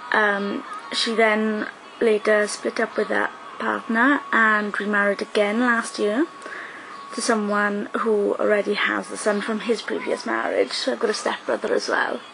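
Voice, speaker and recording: A young South Welsh woman vlogs to her webcam up close in a small indoor room, chatting casually with lots of "um"s and "like"s. Her mid-range voice is creaky and even in pitch, her pace measured, and the background is noisy.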